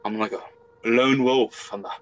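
A young man playing a brash, evasive, confused exile caught stealing, halting and excitable, in an amateur video game role-play drama. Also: medium pitch, lightly acted. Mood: rueful, determined. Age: young adult. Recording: muffled lo-fi home webcam audio.

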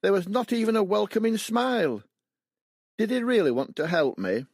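A man in his seventies from West Yorkshire, England, reads his own memoir aloud for an audiobook in a plain, matter-of-fact way. His voice is high-pitched, sing-song, and husky at a moderate pace, recorded in studio quality with no echo.

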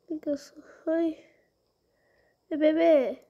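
Young girl, high voice, slow-talking gamer commentary, faint background hiss. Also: fairly even intonation, lo-fi sound. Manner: talks to herself, easily startled. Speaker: gaming channel host. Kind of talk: casual gameplay commentary.

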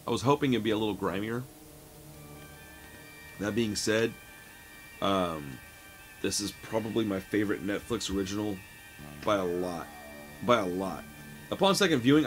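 Sitting in a room at home lined with records and films, this thirties-aged man reviews a horror movie in a laid-back, chatty way, often saying "man." His fairly low voice moves at a moderate pace with long pauses, and faint music sits behind him.

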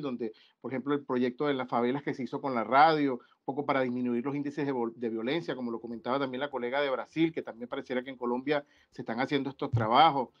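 A man from Venezuela, a guest researcher on an academic video-call panel, talking in a halting way with many restarts and fillers. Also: mid-range voice. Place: indoor room. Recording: dull lo-fi video-call audio.

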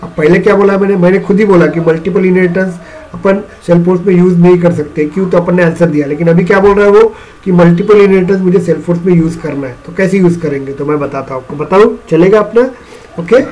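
A man's voice: high voice, fast talker, a little mellow, low-quality recording. A male teacher giving a classroom programming lecture in a mix of Hindi and English, often checking whether the students understand. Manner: repeats questions to check understanding.

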